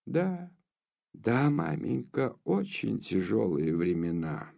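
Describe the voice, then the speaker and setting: A man reading an audiobook voices a polite, deferential young officer who speaks softly. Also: fairly low pitch, big pitch swings, slow, creaky, exaggerated voice.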